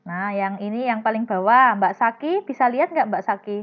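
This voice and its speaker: Teacher lady on a video call, kinda high voice, patient, explains slow and steady, dull lo-fi sound w/ mains hum. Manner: patient, explains step by step, calls students by name. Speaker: primary school teacher. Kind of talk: online class teaching.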